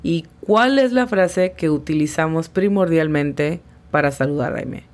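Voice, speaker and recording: Slow, low-voiced woman teaching English. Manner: slow, careful spelling-out of English words. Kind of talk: language lesson.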